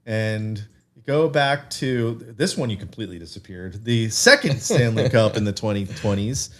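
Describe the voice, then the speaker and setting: A man's voice: lowish voice, lively intonation, moderate pace, a bit bright. Man, podcast co-host, rambling, self-amused, casual live chat. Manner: rambling, self-amused, thinks aloud with many fillers. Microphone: desk mic with camera, streaming live.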